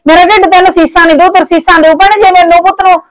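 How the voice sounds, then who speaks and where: A woman playing a fast, high-voiced aggrieved mother. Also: steady tone, low-quality recording. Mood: pleading. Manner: complaining, reproachful, pleading. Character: aging mother neglected by son and daughter-in-law, hurt hand. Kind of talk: village web drama acting.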